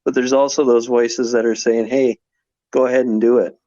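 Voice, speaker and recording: A man in his forties talks reflectively as a podcast guest, often restarting his sentences. His voice sits in an ordinary middle pitch. The sound is dry and slightly dull, like a modest podcast recording. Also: level tone, normal speed, dark tone, dry recording. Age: 40s. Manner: reflective, many restarts and fillers. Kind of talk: casual conversation.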